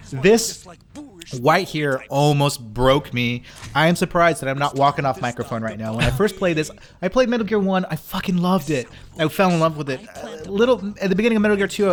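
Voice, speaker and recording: A young man co-hosting a casual gaming podcast, complaining animatedly and swearing as he talks through the game. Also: a little high. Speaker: podcast co-host.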